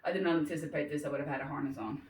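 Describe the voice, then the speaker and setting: A woman's voice: deep voice, steady tone, rapid-fire, darkish tone. A woman dog trainer talking casually through a training session, explaining while breaking off to praise and cue the dog. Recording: roomy, distant mic, faint noise.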